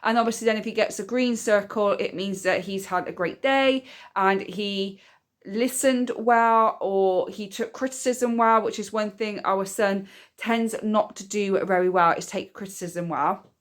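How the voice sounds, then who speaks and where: In her weekly vlog, a single mum chats in a rambling, self-explaining way, her medium-pitched voice unhurried. She sounds a bit nasal and bunged up from a cold.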